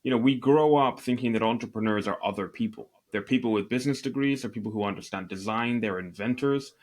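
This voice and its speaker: The Scottish e-commerce entrepreneur, from the country's northeast, talks quickly in a slightly mellow mid-range voice. As a podcast guest, he recounts his story openly and with self-deprecating humor.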